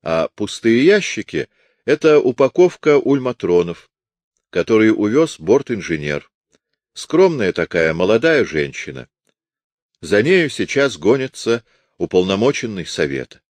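A man's voice: lowish voice, very animated, a little slow, no echo, voice pushed up. A man voicing a cheeky, mocking young woman in a silk kerchief. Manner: mocking, knowing.

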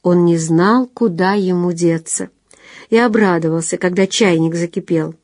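Woman narrator, warm and relaxed, dry booth sound, steady storytelling. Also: on the low side, moderate pace, no room sound. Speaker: audiobook narrator. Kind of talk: scripted narration.

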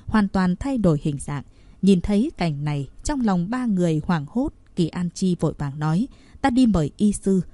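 A woman narrating a fantasy novel in a steady, scripted audiobook style. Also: on the low side, no echo.

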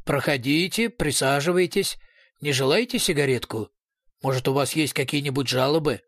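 A man's voice: a little high, normal speed, no room sound, close to an everyday voice. Man doing a brutal investigator, sly, sugary politeness, snarling threats, audiobook figure, dry sound. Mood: mock-polite. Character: brutal male police investigator, sly, mock-friendly.

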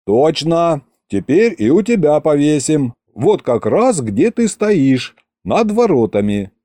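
A man voicing a brash, cheeky young man who talks in slang and shouts a lot. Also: fairly high pitch, big pitch swings, slow, no room sound, studio quality.

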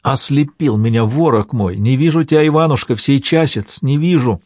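A man's voice: medium pitch, normal speed, darkish tone, dry recording, studio quality, voice pushed up, natural voice. A man voicing a blind medieval grand prince, a commanding and emotional father. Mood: anguished.

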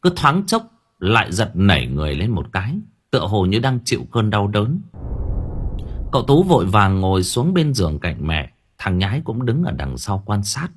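Husky, expressive male storyteller. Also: fairly low pitch, moderate pace. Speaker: audiobook narrator. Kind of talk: scripted narration of a serialized novel.

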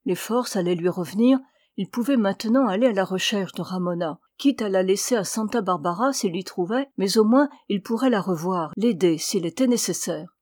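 A woman narrating a classic novel as an audiobook in a measured, expressive reading. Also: medium pitch, no room sound, studio quality.

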